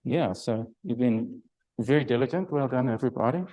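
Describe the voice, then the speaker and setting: A man's voice: mid-range voice, fairly quick, mellow, rough recording. An older man leading a Pilates class, chatty and hesitant, with many fillers and restarts, and groaning with effort during self-massage. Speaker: Pilates instructor. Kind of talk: live online exercise class.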